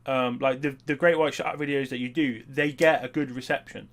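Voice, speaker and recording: Male interviewer, average pitch, casual and matey channel host, encouraging his guest. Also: steady tone, normal speed, a bit bright.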